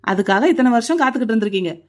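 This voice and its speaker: A man's voice: very high voice, lively intonation, very fast. A performer voicing a hot-tempered, stubborn young man in a cartoon, blunt and angry. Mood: indignant.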